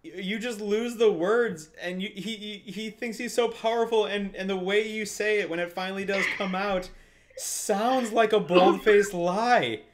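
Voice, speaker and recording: A man's voice: high-pitched, a little slow, noisy background. A man running a tabletop game as game master, chatty and often breaking into laughter.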